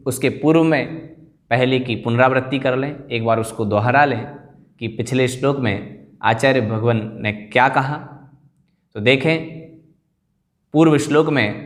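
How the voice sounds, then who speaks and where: A man teaching an online class on a Jain hymn. He chants the Sanskrit verses slowly and repeats the hard words so listeners can practise them. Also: fairly high pitch, a bit bright. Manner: slow, careful chanting of Sanskrit verses, then plain explaining. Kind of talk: online scripture lesson, recitation and explanation.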